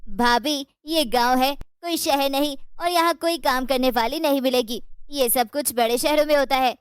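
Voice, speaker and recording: Cartoon story: sly young sister-in-law, slow and teasing, high voice, dry sound, played by a woman narrator. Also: dry recording, lightly acted.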